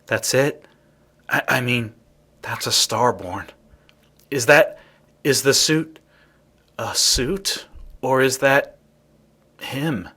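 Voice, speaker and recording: A brainy, nervous engineer in a video game. His voice is of middling pitch. He stammers and halts awkwardly, excitable in his thinking. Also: slightly rough, heavily acted. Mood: hesitant. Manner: stammering, halting. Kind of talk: video game dialogue, dramatic acting.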